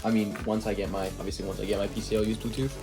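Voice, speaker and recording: A young man talking through a casual unboxing vlog, excitable and rambling with many fillers. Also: lowish voice, racing, over music. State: swollen lip. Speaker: vlogger.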